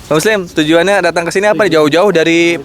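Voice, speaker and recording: A man hosting, asking participants quick probing questions in a casual interview at a mosque gathering. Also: a little high, steady tone, soft background music. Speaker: host interviewing camp participants.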